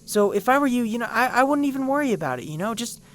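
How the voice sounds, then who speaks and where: A woman voicing a hyper, secretive young female party pony who talks in bouncy, rapid bursts, in a fan-made cartoon parody. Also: fairly high pitch, big pitch swings. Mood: reassuring.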